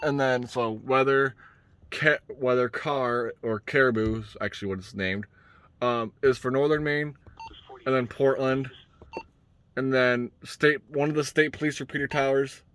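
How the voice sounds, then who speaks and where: Inside a parked pickup truck, a vlogger gives a loose, hands-on tutorial on installing a truck radio, thinking aloud and wandering a bit. His mid-range voice is steady, fairly bright and clean, and he talks a little slowly.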